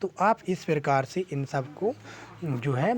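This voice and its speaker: An English teacher runs through a vocabulary list in an online class at a mid pitch. The teacher asks and answers each question and spells every word out letter by letter. The talk is dotted with "hmm" and "theek hai" fillers. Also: lively intonation, slow pace. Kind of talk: vocabulary lesson.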